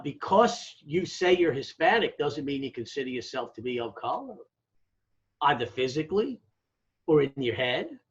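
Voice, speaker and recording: A fairly high, slightly bright male voice belongs to an American demographer explaining things in a conversational interview. He is emphatic and instructive, regularly checking in and posing rhetorical questions, and the audio is dull and lo-fi.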